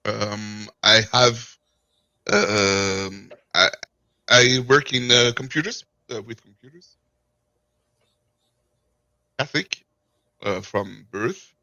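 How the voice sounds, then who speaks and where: A man's voice: fairly low pitch, slow pace, long pauses, bright, forceful tone, no room sound. French man, hesitant, searching for words. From France. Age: 40s. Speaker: guest. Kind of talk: casual conversation.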